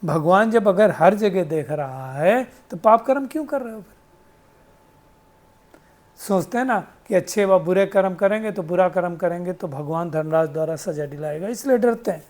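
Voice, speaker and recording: Expressive and high-pitched with a darkish tone, the spiritual teacher speaks at normal speed in a devotional discourse. He takes his time explaining, quotes sayings, and leans on rhetorical questions tagged "है ना?".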